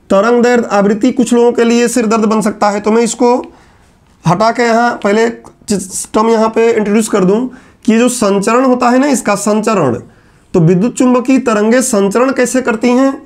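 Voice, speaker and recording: A man with a very high voice gives a classroom lecture. He asks his students questions and then answers them himself. He slows down to repeat the key terms. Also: darkish tone. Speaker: teacher.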